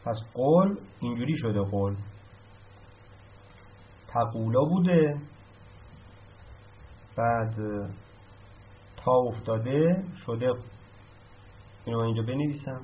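A man's voice: medium pitch, lively intonation, long pauses. A man teaching a grammar lesson, explaining step by step and chanting verb forms in a row. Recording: dull lo-fi sound.

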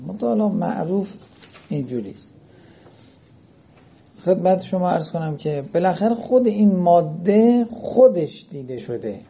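Husky-voiced man teaching a lecture class. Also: on the high side. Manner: checks understanding with frequent questions. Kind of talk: seminary-style lecture. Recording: dull lo-fi recording.

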